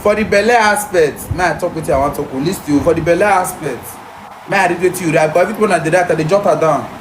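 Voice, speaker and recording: A man's voice: on the high side, fast. A man with a Nigerian accent asks questions in Nigerian Pidgin mixed with English, insistently repeating his phrases. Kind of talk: questioning on a social media live. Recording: echoey room with faint background noise.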